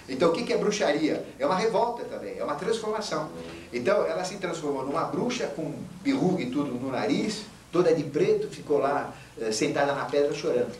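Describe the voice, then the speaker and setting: A man giving an esoteric lecture, retelling myths in a storytelling manner with frequent "né?" tags. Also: on the high side. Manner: storytelling, acts out quoted lines, frequent "né?" tags. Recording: echoey room, distant mic, faint hiss.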